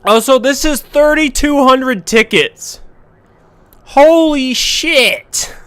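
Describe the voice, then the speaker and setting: A man with a very high-pitched voice, hoarse from talking and losing it to a sore throat, speaks slowly as he streams a console shooter from home. He chats with his audience, reads chat aloud, and bursts into loud, excited exclamations. Loud game noise behind him includes gunfire, artillery and vehicles.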